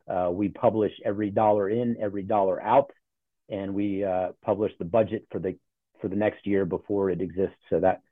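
A man's voice: sits low, no echo. A man in his forties, a podcast guest talking casually and loosely with lots of ums and uhs over a video call. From born in Ohio, grew up in Charlotte. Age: 40s. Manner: relaxed, rambling with many fillers. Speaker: podcast guest, nonprofit CEO. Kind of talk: casual interview talk. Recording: tinny phone-like call audio.

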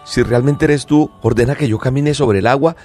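A man's voice: mid-range voice, normal speed, a little mellow, faint music behind, pitched above the performer's own voice, close to an everyday voice. A man voicing the disciple Peter, an eager, anxious fisherman, while reading a scripture passage aloud. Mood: pleading.

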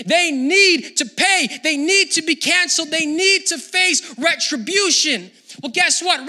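A pastor with a very high voice preaches a sermon, speaking casually to people at home before rising into loud, emphatic passages.

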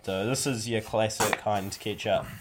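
A man's voice: fairly low pitch, fairly even intonation, measured pace, noisy background. A young man, co-hosting a casual podcast with teasing, sweary banter. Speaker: podcast co-host.

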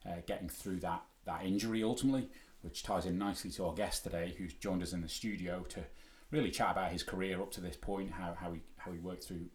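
Low-voiced Manx man hosting a podcast. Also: fairly even intonation, quick pace, hardly any pauses, echoey room. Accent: Manx (Isle of Man). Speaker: podcast host. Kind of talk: conversational sports podcast hosting. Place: podcast studio.

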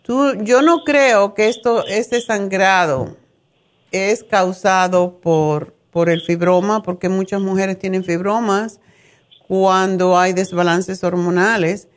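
A woman's voice: mid-range voice, steady tone, slow pace. A middle-aged woman giving conversational, opinionated health advice as a radio host, direct and familiar with her callers.

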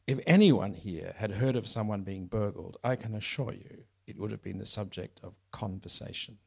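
A man's voice: lowish voice, normal speed, gravelly, breathy edge. A man reading as a curt, guarded housekeeper woman. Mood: firm. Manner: cool, firm, unwelcoming.

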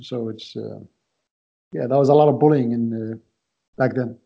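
A man in his late twenties, originally from Iraq, talking as a podcast guest in a halting way, often repeating words as he searches for them. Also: medium pitch, steady tone, vocal fry, breathy edge. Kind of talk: casual interview talk. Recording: dull lo-fi audio.

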